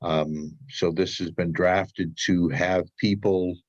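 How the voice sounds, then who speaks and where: A man with a congested, blocked-nose sound gives a halting, explanatory report at a public meeting, as a town administrator. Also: sits low, fairly even intonation, no echo. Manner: halting, searching for words. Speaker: town administrator presenting to a board. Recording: dull, muffled meeting audio.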